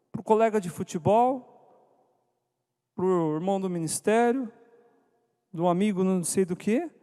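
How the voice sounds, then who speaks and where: A man's voice: sits high, warm tone. A man giving an interactive church talk to couples, asking the audience questions and calling on people by name. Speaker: speaker at a church couples' meeting. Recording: long hall reverb.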